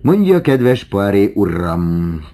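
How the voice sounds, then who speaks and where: A man reading an audiobook, voicing a fussy male museum clerk who drags out his puns slowly. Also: fairly low pitch, big pitch swings, dark tone, pitched above the performer's own voice. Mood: joking. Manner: slow, exaggerated punning.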